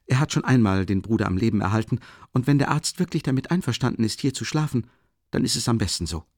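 A man reading a calm, resolute young woman. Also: medium pitch, fast, dry recording, clean studio sound. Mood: reassuring. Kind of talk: audiobook character voice.

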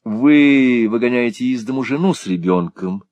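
A man's voice: mid-range voice, lively intonation, moderate pace, darkish tone, no room sound, dull audio, pitched above the performer's own voice, close to an everyday voice. A man voicing an earnest, naive young playwright who explains things politely with a touch of irony. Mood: explaining.

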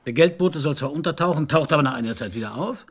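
A male actor with a slightly high, animated voice speaks quickly in a probing mood. He's portraying a blunt, world-weary detective who once was an anarchist, narrating and performing gruffly in a German radio crime drama.

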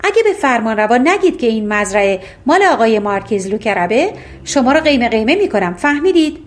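A woman's voice: a little high, very animated. A woman voicing a cunning, bossy talking cat in a fairy tale reading, harsh and threatening.

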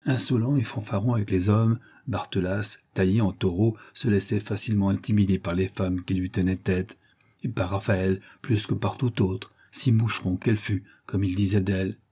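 Low, husky male audiobook narrator. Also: fairly even intonation, normal speed, mellow.

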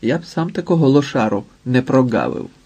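A man's voice: mid-range voice, big pitch swings, a little fast, creaky, warm tone, husky, heavily acted. A man voicing a bold, cocky young giant of a man who bargains coolly and brashly, in an audiobook. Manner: brash, cool-headed bargaining.

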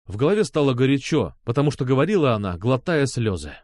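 A man's voice: mid-range voice, very animated, fast talker, a little mellow, no echo, clean studio sound. A man narrating a tense first-person audiobook story in a dramatic manner.

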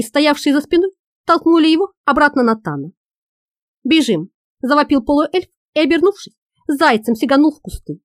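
A woman narrating an audiobook in a lively, expressive reading. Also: sits high, no echo, clean studio sound.

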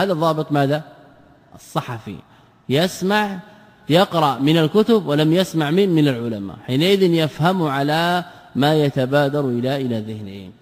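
A man's voice: a little high, darkish tone, in a large hall. A man teaching a classroom lecture as an Islamic scholar, who explains, repeats his phrases and asks rhetorical questions.

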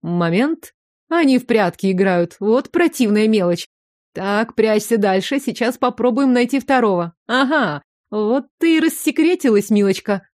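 A woman voicing a brisk, teasing middle-aged woman doctor who grumbles and jokes as she works. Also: on the high side, animated, darkish tone, no echo, studio quality, lightly acted.

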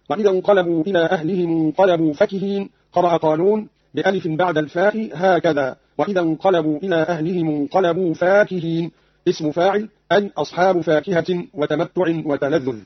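A man with a slightly husky, raised voice explains recitation variants in formal, deliberate classical speech. The sound is dry and dull, like a close-miked old radio archive tape. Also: sits high, steady tone, no echo. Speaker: radio presenter explaining readings.

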